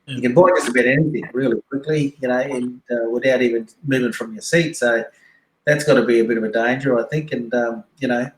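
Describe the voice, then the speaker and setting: A man's voice: mid-range voice, fairly even intonation, a little fast, roomy sound, low-quality recording. A man with an Australian accent, a guest chatting casually and loosely, with many fillers and restarts. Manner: laid-back, rambling, many fillers. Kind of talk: casual yarn on a live stream.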